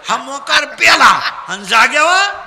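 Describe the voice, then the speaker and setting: A man with a Khandeshi Marathi accent preaching a humorous kirtan sermon, teasing and drilling children in call-and-response and shouting prompts at them. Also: very high-pitched, big pitch swings, unhurried, gravelly, long reverb tail, background noise.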